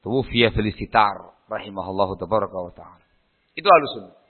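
A man's voice: fairly low pitch, expressive, fairly quick, phone-quality sound. A man giving a mosque study lecture, telling a story with animation and acting out the voices he quotes. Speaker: preacher.

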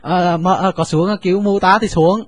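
A man's voice: sits high, steady tone, extremely slow, a little mellow, no room sound, pitched above the performer's own voice, heavily acted. A man voicing a flustered male servant who stammers and hesitates.

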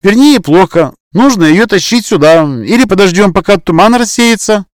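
A man voicing a capricious, gushing young woman with a whiny, high manner, in a dry recording. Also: animated, normal speed, dry recording.

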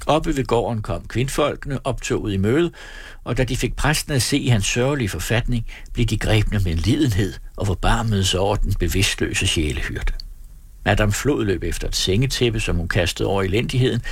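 Low husky male audiobook narrator. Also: no room sound. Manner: steady storytelling read. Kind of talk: scripted narration.

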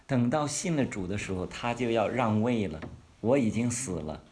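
Animated man preaching. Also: on the low side. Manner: asks the listeners questions and waits for answers; emphatic, draws out key words slowly. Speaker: pastor or Bible teacher. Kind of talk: conversational Bible-study sermon.

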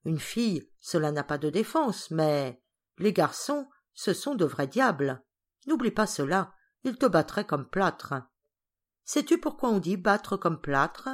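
A woman's voice: on the low side, sing-song, a little slow. A woman voicing a talkative, meddling spinster cousin in an audiobook, with a raised, insistent delivery. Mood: chatty.

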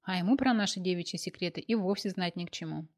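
A woman's voice: fairly low pitch, fast talker. A woman voicing a chatty, bossy young woman who teases her friend and keeps interrupting. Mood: conspiratorial. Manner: pushy, teasing, interrupting.

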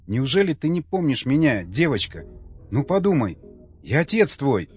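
A man's voice: mid-range voice, very animated, moderate pace, slightly rough, muffled recording, faint music behind. A male narrator voicing an older male cosmonaut, an emotional father who pleads with a trembling voice. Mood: pleading.

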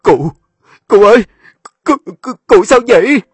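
A man voicing a panicked, loyal young male servant shouting for help. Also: high voice, expressive, slow, husky, no echo, soft background music, voice pushed up, full character voice. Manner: frantic shouting.

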